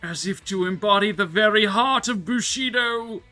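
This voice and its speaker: A man's voice: high-pitched, moderate pace, pushed and bright, faint music behind, voice pushed up. A man voicing a young food critic from a video game, tasting food with rapturous, overblown grandeur. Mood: rapturous, grandiose. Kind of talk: dramatic voice-over reading of game dialogue.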